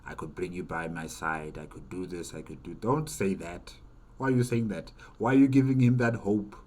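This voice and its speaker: This reaction-video host speaks in a low-sitting, slightly mellow voice, offering casual, halting commentary full of repeated phrases and rhetorical questions.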